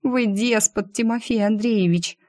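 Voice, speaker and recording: A woman's voice: fairly high pitch, unhurried, a little mellow, no echo, clean studio sound, voice pushed up, close to an everyday voice. Woman doing a flustered young employee. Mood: pleading. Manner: pleading, flustered.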